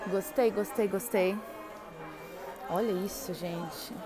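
A woman's voice: mid-range voice, fairly even intonation, slow, over music. A young woman from Brazil chatting and gushing to her viewers while browsing gift shops. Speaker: travel vlogger. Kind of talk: casual vlog walkthrough. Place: indoor gift shops at a theme park.

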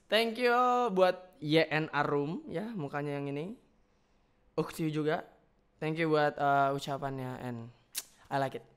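A man's voice: fairly high pitch, clear, resonant tone. A man reacting playfully to fan voice notes in casual chat. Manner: playful, chatty, quick reactions.

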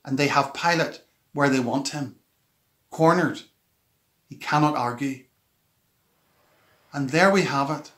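A man giving a scripted devotional reflection and reading scripture in a measured, solemn way. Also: mid-range voice, a bit bright. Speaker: church minister.

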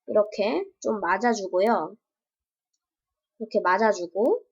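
A woman's voice: medium pitch, unhurried, a little mellow, husky. Playful woman narrating her game, lo-fi. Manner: playful, with sound effects and yelps. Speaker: game streamer showing her own game. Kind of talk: casual gameplay commentary. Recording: dull lo-fi home recording.

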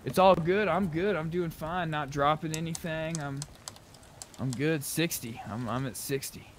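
With an unhurried pace and a slightly high voice, a man chats with other players in an online roleplay game, slipping into in-character roleplay at times. The audio carries game ambience and faint background noise.

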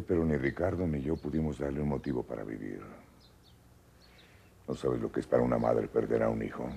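Deep gravelly vengeful father. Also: mellow, exaggerated voice. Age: older. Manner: stern, brooding. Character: bitter vengeful older father.

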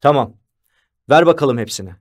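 A man's voice: medium pitch, normal speed, lightly acted. Casting: a man playing a confident, good-humored vice principal who gives firm short orders, for an audiobook. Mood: assured. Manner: calm and firm, then warmly commanding. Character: cheerful, self-assured male school vice principal. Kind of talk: audiobook character voice.

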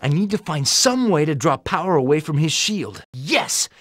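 Wisecracking Spider-Man, lively American hero. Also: fairly high pitch, normal speed, breathy edge, no room sound, clean studio sound, heavily acted. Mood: focused, analytical. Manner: quippy, animated. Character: wisecracking young male superhero, cocky and upbeat. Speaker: video game character. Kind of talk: video game voice acting, quips and hints.

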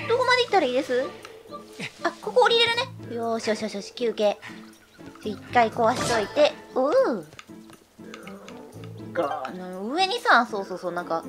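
Woman, Kansai accent, gameplay commentary, high voice, very lively pitch, excitable self-narration. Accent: Kansai Japanese. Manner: excitable, narrates her own moves with exclamations and repeated words. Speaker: let's-play streamer. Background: game music.

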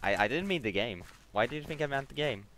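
A man's voice: mid-range voice, animated, fast talker, a bit bright, slight background noise. Stammering man with a Swedish accent. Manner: stammering, hesitant, playful. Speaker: role-play player. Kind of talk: casual livestream banter.

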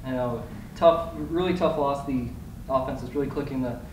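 A man asking questions at a press conference, halting and restarting his sentences. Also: mid-range voice, distant mic. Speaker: reporter. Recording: echoey room, off-mic, noisy.

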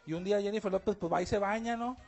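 A man's voice: high-pitched, rapid-fire, creaky, a little mellow, soft background music. A man on a radio comedy show, telling a long crude joke in rambling street slang.

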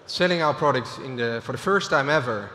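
A man's voice: mid-range voice, lively intonation, brisk, sharp tone, slight background noise. A middle-aged man with a Dutch accent giving a business keynote on a large conference stage, speaking with frequent fillers and restarts. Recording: reverberant hall with faint ambience.

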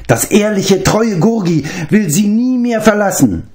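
A man's voice: sits high, animated, measured pace, warm tone, voice pushed up. A man reading an audiobook, voicing a servile, self-pitying male beast-man who whines and speaks of himself in the third person. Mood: whining.

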